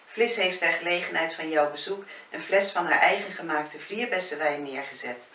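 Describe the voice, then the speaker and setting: Wry teasing guy read by a woman, bright tone, echoey room w/ faint hiss. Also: on the low side, normal speed. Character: male villa owner, wry and gently teasing. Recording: roomy, distant, faint hiss.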